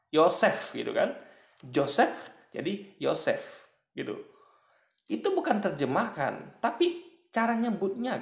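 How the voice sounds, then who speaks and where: A man's voice: on the high side, creaky, roomy sound. A man giving casual commentary on a video, explaining at length and repeating himself as he talks to his viewers.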